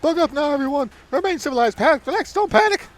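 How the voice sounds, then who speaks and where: A man's voice: very high voice, expressive, fast talker. A man voicing a flamboyant, vain merchant adventurer from a video game, grandiose and theatrical in manner. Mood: panicked, blustering. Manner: grandiose, theatrical, stammers when frightened.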